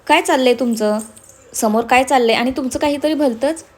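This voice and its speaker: A woman's voice: sits high, brisk. An impatient, protective young man who scolds and questions, voiced by a woman narrating a storybook. His tone is exasperated and pressing.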